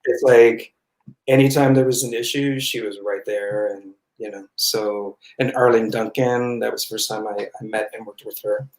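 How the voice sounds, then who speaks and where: A man from Halifax, Nova Scotia, a guest actor on a video call interview, answering in a hesitant, halting way with many fillers. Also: lowish voice, fairly even intonation, a little mellow, echoey room, poor audio. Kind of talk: casual interview chat.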